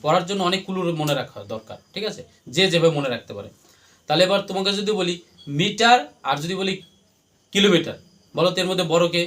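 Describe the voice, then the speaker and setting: A male teacher with a high, bright voice races through a classroom lesson. He drills his students by asking the same questions again and again so they chant the answers back. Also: quick pace. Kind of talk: classroom lesson with call-and-response.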